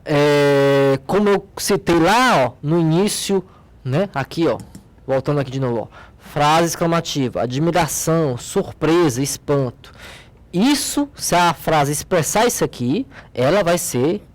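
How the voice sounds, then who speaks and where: Patient Brazilian math teacher at a board. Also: male voice, on the high side, lively intonation, measured pace. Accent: Brazilian Portuguese. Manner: patient, checks in often with short tag questions. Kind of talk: explaining a logic exercise at a board.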